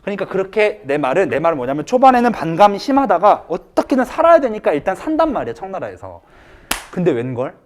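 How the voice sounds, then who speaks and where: A male high school history teacher giving a casual storytelling lecture, acting out characters in quick asides. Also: slight background noise.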